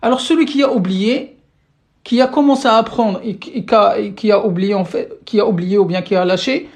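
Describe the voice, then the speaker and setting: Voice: medium pitch, fairly quick, gravelly, darkish tone. A language teacher giving a live-streamed lesson, patiently explaining step by step and checking in with viewers, often restarting and repeating words. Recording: roomy sound from away from the mic.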